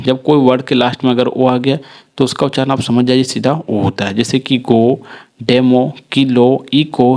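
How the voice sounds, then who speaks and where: A man with an Indian accent teaches English pronunciation at a steady, mid-range pitch. He poses his own questions, answers them, and draws each example word out slowly. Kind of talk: classroom-style video lesson.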